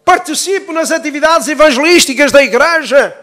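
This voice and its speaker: A Portuguese-accented male pastor teaches a Bible-school session in a strikingly high voice. He speaks with sermon-like emphasis, swells at times toward shouting, and draws call-and-response "amens" from the room. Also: lively intonation, brisk. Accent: European Portuguese. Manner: emphatic, rising to near-shouts, calls for "amen".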